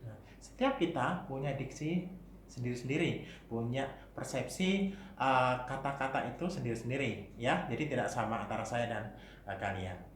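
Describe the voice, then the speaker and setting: A man's voice: medium pitch, expressive, normal speed. A man with an Indonesian accent, a vocal coach patiently explaining articulation and demonstrating vowels. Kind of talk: singing lesson. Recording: roomy with faint hiss.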